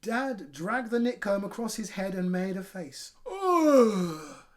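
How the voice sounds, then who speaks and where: In a high voice at a normal pace, a man presents a children's storytime, speaking directly and encouragingly to young listeners while narrating in a lively way.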